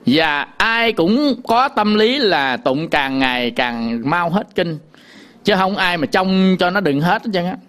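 A man teaching sutra chanting, explaining in quick casual talk and breaking into slow, drawn-out chanted demonstrations. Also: high-pitched, sing-song, a bit bright. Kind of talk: chanting lesson with sung demonstrations.

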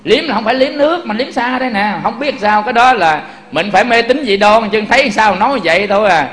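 A man's voice: high-pitched, brisk, fairly bright tone. A man giving a Buddhist sermon, often turning to the audience with rhetorical questions. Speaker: Buddhist preacher. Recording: echoey room.

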